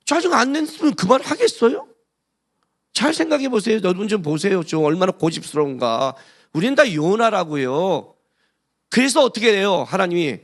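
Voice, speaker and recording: Male pastor, sermon: high bright voice, very animated delivery, blunt and colloquial, keeps quizzing the congregation. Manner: emphatic, rhetorical questions to the congregation. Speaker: senior pastor. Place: church service.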